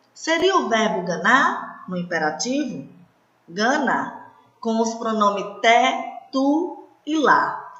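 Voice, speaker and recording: A Brazilian woman teacher, slowly and patiently explaining a lesson and often checking that students follow. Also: a little high, fairly bright tone. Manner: checks in often with short tag questions. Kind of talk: slow, patient classroom explanation. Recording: echoey room, dull lo-fi sound.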